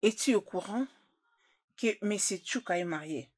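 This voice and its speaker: A stern, husky young woman. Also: medium pitch, animated, moderate pace, darkish tone, dry recording. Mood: cold. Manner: confrontational, insistent. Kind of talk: dubbed drama dialogue.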